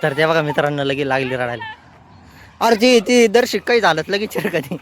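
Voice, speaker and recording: A man's voice: on the high side, brisk, heavy background noise. A man, giving chatty, teasing vlog commentary outdoors. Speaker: vlogger.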